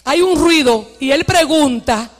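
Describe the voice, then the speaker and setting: A woman pastor preaching a fervent sermon, often shouting to urge her congregation on. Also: high-pitched, lively intonation, a little slow. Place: church hall. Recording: long hall reverb.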